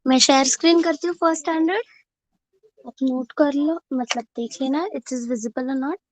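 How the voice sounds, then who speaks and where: A woman teacher giving an online class, drilling syllables one by one in a slow, drawn-out way. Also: sits high, no echo.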